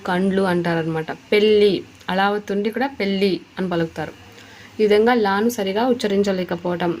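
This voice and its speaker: A woman's voice: medium pitch, slight background noise. A woman teaching an exam-prep lesson, explaining step by step and repeating key terms.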